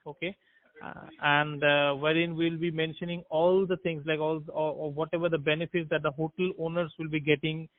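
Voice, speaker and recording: A man's voice: on the high side, dry recording. Indian-accented man on a tinny phone line. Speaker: telemarketer selling website services. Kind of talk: business phone call. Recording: dry, tinny narrow-band phone line.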